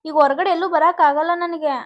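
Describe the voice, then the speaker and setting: A woman with a North Karnataka Kannada accent playing a young woman, brisk and scolding. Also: sits high, fairly even intonation, muffled recording, lightly acted. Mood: scolding, worried. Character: young woman brushing off her lovers. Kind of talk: short film acting.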